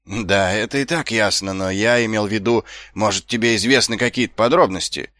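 A man voicing a weary, gloomy middle-aged watch captain in an audiobook, talking slowly and tiredly. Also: a bit bright, no room sound, studio quality, natural voice. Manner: slow, tired, low-spirited.

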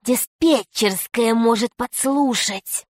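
A woman reading a storybook aloud, voicing a sly male alien pirate who looks like a rat and speaks in a hushed, hissing, secretive way. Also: fairly high pitch, takes it slowly, dry recording, clean studio sound.

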